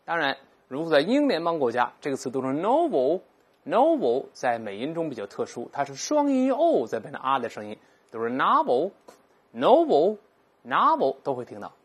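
Husky vocab teacher, animated pitch, slow clear repeats of each word. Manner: explains patiently, repeats English words aloud slowly for learners. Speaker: English teacher. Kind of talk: recorded vocabulary lesson.

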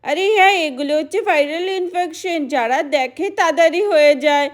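A woman's voice: high voice, a little fast, lightly acted. A woman voicing a small, sick village girl who talks in a whiny, tearful way.

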